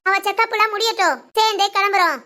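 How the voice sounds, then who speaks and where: A grumbling, bedridden old mother-in-law in a cartoon, voiced by a woman. Her voice is squeaky and very high, bright and sharp, and she whines, frets and scolds everyone around her. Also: quick pace. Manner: complaining, whiny and chiding. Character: aching elderly mother-in-law, grumbling and fussy. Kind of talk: Tamil family cartoon voice acting.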